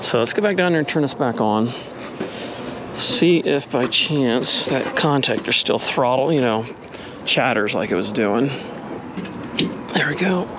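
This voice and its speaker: A man's voice: mid-range voice, lively intonation, a little slow, pauses often. A man working as an HVAC technician, talking aloud in a casual, blunt and wry way as he troubleshoots outdoors. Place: outdoors at a trailer's HVAC unit. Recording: loud outdoor machinery noise.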